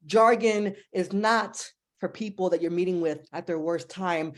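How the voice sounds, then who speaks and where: A young woman from New Jersey, speaking with that state's accent, delivers a fast, impassioned speech as a panelist at a symposium. Her voice is medium-pitched with a darkish tone, and she sounds emphatic and pleading.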